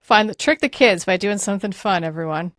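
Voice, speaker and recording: A woman's voice: medium pitch, lively intonation, a little fast, dry recording. Dry-sounding woman podcast host. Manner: short reactions, laughs along, asks the guest questions. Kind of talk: casual interview talk.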